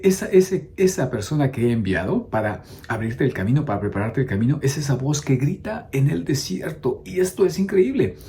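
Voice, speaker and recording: A male priest gives an unscripted homily in a warm, relaxed, mellow voice. He circles back on his words, fills pauses and keeps asking the congregation "¿sí?", with a few English words slipped in. A faint noise runs under the recording. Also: mid-range voice. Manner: unscripted preaching with many fillers and restarts, asks the listeners "¿sí?". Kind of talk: homily on scripture.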